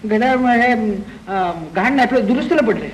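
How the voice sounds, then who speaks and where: A man's voice: very high voice, a little fast, slight background noise, poor audio. An actor playing a joking young male friend who teases and banters in an easy way, in a 1950s film. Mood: bantering. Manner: teasing, bantering.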